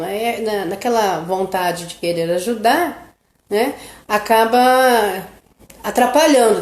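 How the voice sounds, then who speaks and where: Telling a family story on her children's-nutrition live stream, this middle-aged host keeps things chatty and casual, tagging lines with "né?", meaning "right?". Her voice is mid-range with a darkish tone, and the recording has a roomy echo.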